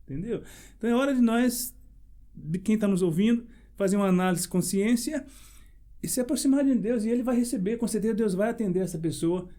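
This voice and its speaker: Man, pastor, high-pitched, soft mellow tone, emphatic preaching, rhetorical questions, short laughs. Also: a little fast. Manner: laughs between phrases. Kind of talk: preaching in a panel debate.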